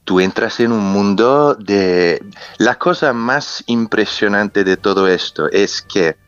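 A man's voice: fairly low pitch, a bit bright, no room sound. A man, a native English speaker with a foreign accent, telling his story as an interview guest, searching for words and repeating for emphasis. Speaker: interview guest, underwater explorer and researcher. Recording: muffled sound with music behind.

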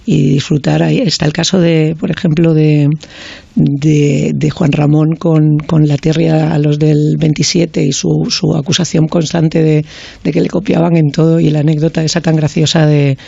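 A man talking as a panelist in a casual radio discussion, halting and repeating words as he searches for his phrasing. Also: on the high side, little pitch movement, gravelly, warm tone, husky, dry recording, dull audio. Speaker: screenwriter, panelist.

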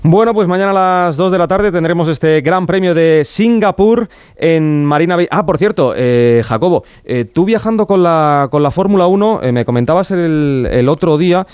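A man with a Spanish accent hosts a sports radio show, speaking in a steady presenter's manner. His voice is smooth and clear. The sound is dry and close. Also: a little high, moderate pace, dry recording. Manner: steady, announcer-like delivery.

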